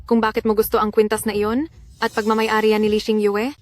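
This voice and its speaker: A woman's voice: mid-range voice, monotone, fairly quick, slight background noise, close to an everyday voice. A woman dubbing a frightened young female captive who pleads and bargains anxiously. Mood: wary. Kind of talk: Tagalog drama dub.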